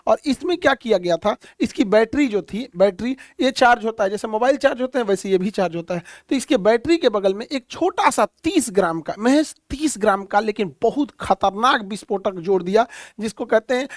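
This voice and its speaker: This current-affairs lecture comes from a man whose expressive voice sits high, moving fairly quickly as he plainly explains and points to places on a map, using many fillers. The studio sound is clean, with no echo.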